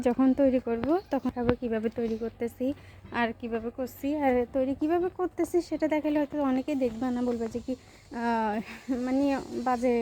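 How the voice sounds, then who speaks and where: A young Bangladeshi woman chatting to her viewers while she works in her village garden, rambling and casual, sometimes slow and soft. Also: high-pitched, a little hiss or hum. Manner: speaks slowly and softly on purpose at times. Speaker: village vlogger. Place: outdoors in a village vegetable garden.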